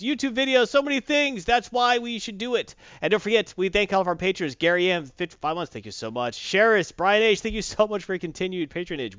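A man co-hosting a game stream show, chatting casually and reading out shout-outs with jokey energy. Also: sits high, clean tone, dry recording. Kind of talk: casual livestream chat and giveaway. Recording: dull lo-fi dry stream audio.

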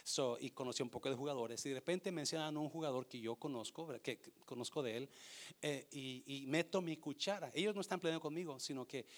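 A man preaching a sermon, swinging between loud emphatic lines and soft, hushed storytelling, with bits of English mixed in. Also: mid-range voice, fast.

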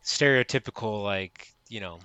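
Very bright man pushing back gently. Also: fairly low pitch, moderate pace, clean tone, no room sound, lo-fi sound. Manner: laughing, pushes back gently, trails off. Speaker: podcast co-host. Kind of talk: casual film review chat.

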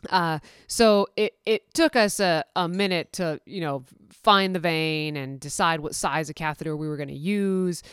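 A woman's voice: low-pitched, a little slow, clear, resonant tone, no room sound, studio quality. A woman hosting a casual storytelling podcast, a veterinary technician telling work stories in a chatty, self-deprecating way with many restarts. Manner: self-described nervous person.

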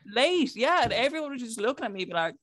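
A woman's voice: fairly high pitch, big pitch swings, quick pace, slight background noise. A young woman from County Clare with a west of Ireland accent, chatting casually and telling anecdotes, peppering them with "like" and quoted exchanges. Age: young adult. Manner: conversational, frequent filler "like", quoting herself and others.

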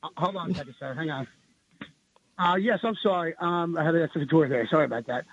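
A high-voiced man with a raspy, husky edge calls in to a talk radio show from New Jersey. He rambles in a conspiratorial way, dropping chuckling asides. His voice comes through a tinny, narrow phone line. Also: fast, dry recording. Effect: heard over the phone. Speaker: radio call-in caller.

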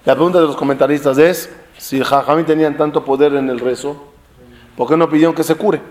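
A man with a fairly high voice teaches a Talmud class to a live group. He tells stories through many rhetorical questions and jokes with his listeners. He mixes Hebrew study terms into his speech. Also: fairly quick. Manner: animated storytelling with rhetorical questions. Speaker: Torah teacher.

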